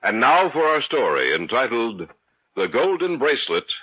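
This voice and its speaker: Booming old-time radio announcer, man. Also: sing-song, moderate pace, very echoey, long reverb tail. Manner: booming, theatrical, rising intensity. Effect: old radio show broadcast sound. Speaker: announcer and host of a radio drama series. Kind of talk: dramatic 1950s radio announcing. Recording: dull lo-fi old radio recording.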